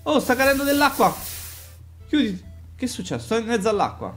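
Man, let's-play co-host, loud swearing, lively pitch, faint background music. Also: brisk. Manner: excitable, loud swearing and yelling. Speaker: gaming channel co-host. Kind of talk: casual let's-play commentary.

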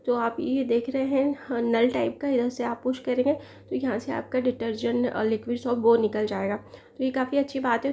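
A woman in her thirties, a lifestyle vlogger, unboxes a product in her living room at home, chatting to viewers and admitting she's no expert. Her voice is on the high side and mellow, with slight background noise.

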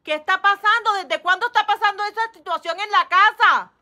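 A woman's voice: extremely high pitch, brisk, heavily acted. A woman playing an angry mother who scolds her children's nanny in an amateur skit. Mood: worried. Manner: scolding, shouting. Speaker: employer of the nanny.

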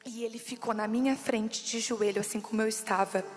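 A woman's voice: on the high side, fairly even intonation, fairly quick. A Brazilian woman giving an emotional sermon testimony, repeating phrases for emphasis. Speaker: preacher. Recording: long reverb with faint background music.

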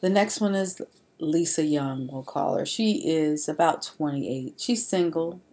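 Female presenter, low register, loose unscripted voice-over for a slide deck. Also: animated, unhurried, dark tone. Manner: informal, with frequent fillers and restarts.

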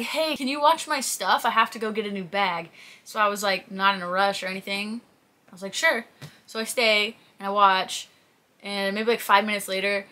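A fitness content creator in her twenties sits in a small, plain indoor room, casually answering viewer questions to camera and acting out her stories. Her medium-pitched voice is bright and forceful, with a faint hiss or hum in the background.

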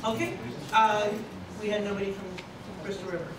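A woman presenting art awards at a public meeting, reading out names slowly with pauses. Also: mid-range voice, level tone. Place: large indoor board meeting room. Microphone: far room camera. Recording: echoey hall, distant camera, room noise.

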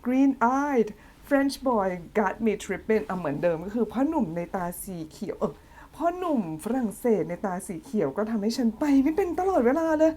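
A woman teaching English in a casual way, slowly explaining a song line by line, playfully flustered and giggly. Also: on the high side, lively intonation, warm tone, soft background music. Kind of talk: casual song translation lesson.

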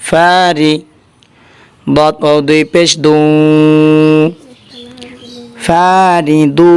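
Man, Bangladeshi Bengali accent, Quran reading teacher, very clear voice, unhurried syllable-by-syllable spelling. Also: a little high. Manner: spells out syllables slowly, then blends and recites them in a drawn-out chant. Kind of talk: letter-by-letter Quran spelling lesson.

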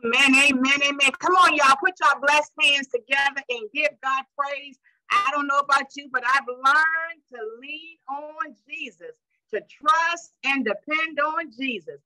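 Bright-voiced woman a sermon. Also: high-pitched, measured pace, no echo, low-quality recording. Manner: call-and-response preaching, stretches words for emphasis. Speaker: pastor. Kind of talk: sermon with scripture reading. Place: church sanctuary.

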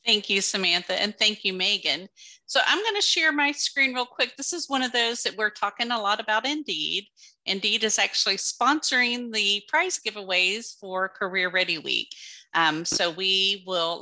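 A woman's voice: mid-range voice, expressive, normal speed, pushed and bright. A middle-aged woman hosting and presenting an online event, speaking on a headset in a video call. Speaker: event host.

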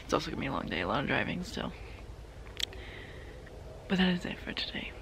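A woman's voice: very deep voice, very animated, quick pace, vocal fry. Giggly young woman vlogging outdoors. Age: young adult. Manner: giggly and playful, often drops to a soft near-whisper. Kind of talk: casual vlog narration. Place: outdoors on sand dunes at dusk. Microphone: handheld camera close to face. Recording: outdoor camera audio with background noise.

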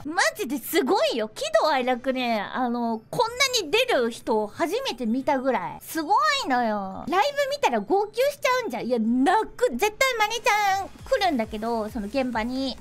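A woman VTuber streamer in casual livestream chat, animated and giggly, acting out other people's lines as she tells stories. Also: high voice, moderate pace, hardly any pauses.

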